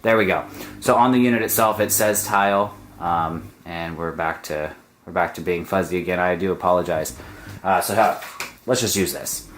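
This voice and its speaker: A man's voice: low voice, normal speed, a little hiss or hum. A man casually demonstrating and explaining a product, chatty, with lots of ums and uhs. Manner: explanatory, filler-heavy, chatty. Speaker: product reviewer. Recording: echoey room.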